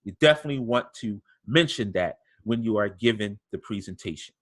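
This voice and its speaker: A man's voice: lowish voice, animated, a little fast, no room sound. A man giving a training webinar, coaching people through presentation slides with lots of repetition and filler words. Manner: coaching, repeats emphasis, frequent fillers. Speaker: sales trainer.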